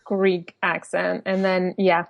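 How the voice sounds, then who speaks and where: A woman's voice: on the low side, level tone, slow, gravelly, dry recording. Giggly New York woman in her thirties. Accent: New York American. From United States, New York. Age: 30s. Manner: giggly, chatty, laughs often. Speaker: guest. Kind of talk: casual podcast interview.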